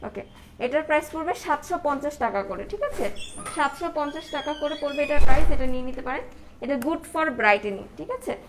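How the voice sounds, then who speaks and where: A woman's voice: sits high, animated, brisk. A woman with a Bangladeshi accent hosts a casual live beauty sales chat, answering viewers and mixing in English words, her voice slightly muffled by a face mask. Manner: code-switches into English words and often adds check-in tags. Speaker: live-selling beauty product host. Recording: noticeable background noise.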